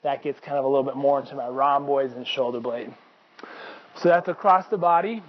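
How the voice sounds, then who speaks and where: A man's voice: medium pitch, brisk, highs cut off. A man coaching viewers through banded shoulder stretches, explaining casually while he demonstrates. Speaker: fitness coach. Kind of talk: instructional demonstration.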